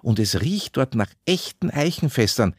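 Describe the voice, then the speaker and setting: A charming club lady agreeing with gentle irony, her voice lifted and lively, played by a man reading a story. Dry, close sound. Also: medium pitch, normal speed, breathy edge, dry recording, pitched above the performer's own voice. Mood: approving. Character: charming female club member.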